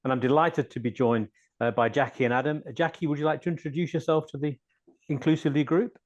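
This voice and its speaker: A man's voice: on the high side, fairly even intonation, quick pace, dull audio. A man hosting an interview, chatty and joking, often repeating his words. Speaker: host. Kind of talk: hosted interview.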